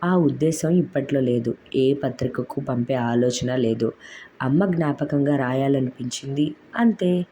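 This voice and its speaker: A young wife who chides her husband mildly, her voice lifting a little higher, as a woman narrator puts her on. The tone is mellow and warm, never harsh. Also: unhurried, a little hiss or hum. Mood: chiding. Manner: gently chiding.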